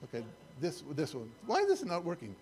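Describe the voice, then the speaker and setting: An older man with a high-pitched voice delivers a sermon-style talk while showing slides. His tone is wry and incredulous. He keeps it loose and conversational rather than preachy. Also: wildly swooping pitch, brisk, a little mellow. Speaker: church speaker.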